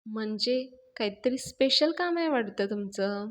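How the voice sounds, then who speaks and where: A cheeky, greedy young village man who teases and brags, as a woman retells his lines. The voice sits a bit high and talks in a mocking, boastful way. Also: animated, moderate pace, natural voice. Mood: boastful teasing. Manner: teasing, boastful.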